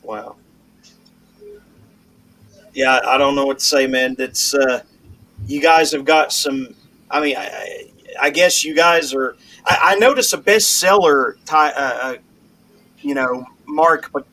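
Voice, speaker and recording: A man co-hosting a podcast, talking in a halting, hesitant way. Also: mid-range voice, sharp tone, rough recording. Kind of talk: casual podcast chat.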